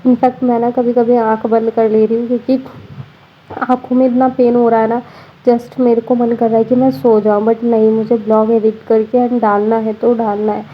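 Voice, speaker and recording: A woman's voice: a little high, little pitch movement, moderate pace, phone-quality sound, a little hiss or hum. A tired young woman with a slight cold, narrating her daily vlog in a chatty voice-over full of fillers. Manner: chatty, frequent fillers like 'matlab'. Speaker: vlogger. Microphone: voice-over recorded separately.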